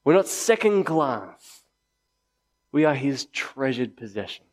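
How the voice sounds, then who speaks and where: A man's voice: mid-range voice, big pitch swings, takes it slowly. A man preaching a sermon to a congregation in a conversational way, repeating key phrases for emphasis. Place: indoors, church meeting before a congregation.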